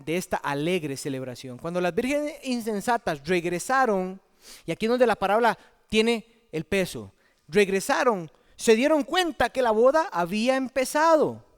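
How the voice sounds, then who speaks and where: High voiced preacher, dramatic, goes quiet then loud, echoey church. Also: male voice, lively intonation, normal speed, clean tone. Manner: dramatic, swings from hushed to loud. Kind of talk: sermon.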